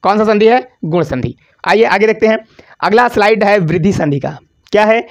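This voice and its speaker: Brisk and mid-pitched, a grammar teacher runs an exam-prep lesson over slides, quizzing the class and then answering herself. She draws out syllables on examples, repeats key words, and keeps things casual, calling students "bhaiya".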